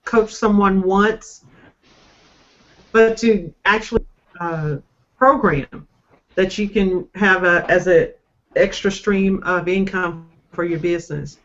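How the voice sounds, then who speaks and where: A participant on a casual video call, speaking haltingly with pauses and fillers. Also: medium pitch, fairly bright tone. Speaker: caller sharing experience. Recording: dull lo-fi video call audio.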